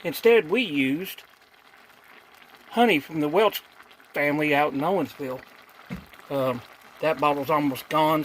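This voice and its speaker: Brief: folksy Appalachian man, slightly high voice, home cooking show host, faint noise behind. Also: a bit bright. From Kentucky, USA. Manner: folksy, self-correcting, chatty asides. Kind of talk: casual cooking vlog. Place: home kitchen.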